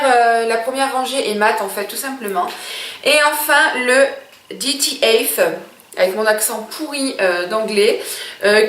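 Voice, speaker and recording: A woman's voice: a little high, fairly bright tone, echoey room, distant mic. A woman beauty vlogger reviewing makeup in a chatty, gushing way, with many hesitations.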